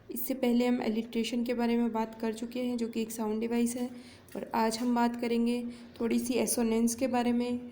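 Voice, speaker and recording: A woman teacher with a somewhat high voice and a dark, mellow tone, speaking in a flat, even way. She explains each point in Hindi, reads the definitions slowly, and answers her own questions. The voice-over is close and plain. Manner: asks questions and answers them herself. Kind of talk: exam-prep grammar lesson.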